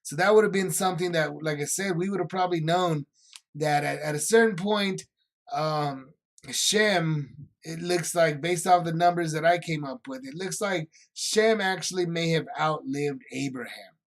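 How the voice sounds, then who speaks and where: Male Bible study teacher, a bit high-voiced, casual and rambling. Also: moderate pace. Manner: loose, rambling retelling with many asides.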